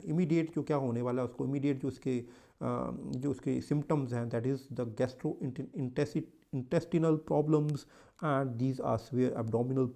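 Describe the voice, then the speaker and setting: Speaking in a creaky, mellow mid-range voice, this Indian-accented man teaches an exam-prep lecture. His Hindi is sprinkled with English terms, and he frequently repeats himself and self-corrects.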